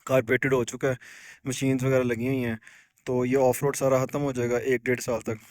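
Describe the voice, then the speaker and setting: A man's voice: mid-range voice, level tone, fairly quick, no room sound, clean studio sound. A man chatting informally to a camera outdoors on a mountain pass, repeating phrases for emphasis. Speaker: travel companion. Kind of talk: casual outdoor chat to camera.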